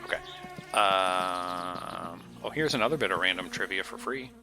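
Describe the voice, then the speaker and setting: A man's voice: sits low, normal speed, creaky, background noise. A man streaming a game, talking casually and rambling between jokey asides. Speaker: gaming streamer. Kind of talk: casual gameplay commentary. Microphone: headset.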